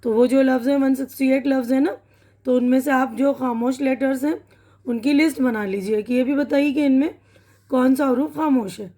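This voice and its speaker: A woman's voice: high voice, steady tone, mellow. A woman with a Pakistani Urdu accent teaching English vocabulary and pronunciation, patiently reading word lists aloud and checking in with her students. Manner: patient, repeats words slowly, checks in with "theek hai na".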